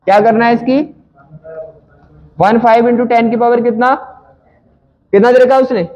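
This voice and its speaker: High-voiced man teaching physics problems. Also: steady tone, moderate pace, darkish tone, lo-fi sound. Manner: conversational, asks students questions and answers them himself. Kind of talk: explaining a numerical problem to students.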